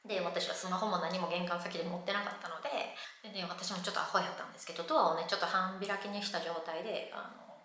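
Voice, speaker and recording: A woman with a Kansai Japanese accent telling a lively story to camera as a vlogger, acting out the people she met. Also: fairly low pitch, fast talker, few pauses. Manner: lively retelling that acts out the people in her story. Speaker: vlogger living abroad. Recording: very echoey room.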